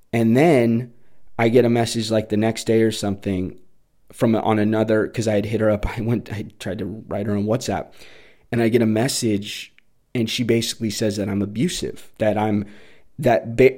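A man's voice: fairly low pitch, darkish tone. A man hosting a podcast, telling a raw personal story in a rambling way, swearing often. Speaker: podcast host. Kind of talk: candid personal monologue.

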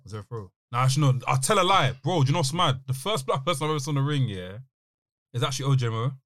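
A man with a London roadman accent telling stories in casual, slang-heavy, animated chat. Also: mid-range voice, rapid-fire, dry recording, studio quality.

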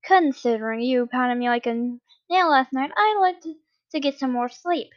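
A woman's voice: high voice, animated, normal speed. A woman voicing a sarcastic, worn-out young blond man in a fan story reading, grumpy and tired. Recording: dull lo-fi recording.

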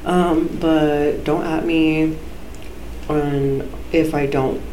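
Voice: mid-range voice, fairly even intonation, extremely slow, mellow. A podcast host chatting casually and informally, swearing freely and breaking off mid-thought, in an echoey room on a poor microphone. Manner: informal, sweary, self-interrupting. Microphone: low-quality microphone. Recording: echoey room, poor mic, background noise.

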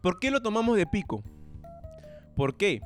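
A man's voice: high-pitched, big pitch swings, unhurried, soft background music. A young man co-hosting a podcast in casual chat, joking and teasing his co-host. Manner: joking, teasing, plugs the channel.

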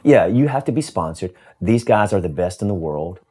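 A man with a very low, husky voice chats as a podcast guest. He picks formal words and puts a crisp stress on his T sounds. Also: lively intonation, normal speed, mellow. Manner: crisp stress on T's, formal word choice. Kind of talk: casual chat.

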